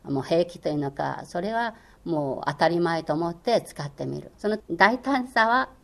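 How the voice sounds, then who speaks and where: A woman's voice: fairly low pitch, lively intonation, moderate pace, creaky. Earnest older woman, Chinese native. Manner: earnest, encouraging, many hesitant fillers. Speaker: guest, former radio course lecturer. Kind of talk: interview answers.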